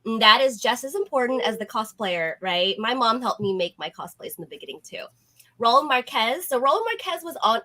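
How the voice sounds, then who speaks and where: A woman's voice: fairly high pitch, bright, forceful tone. A young woman co-hosting a live cosplay talk show, chatty and laughing often as she reads viewer comments. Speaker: podcast co-host reading live comments. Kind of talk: casual live-stream chat.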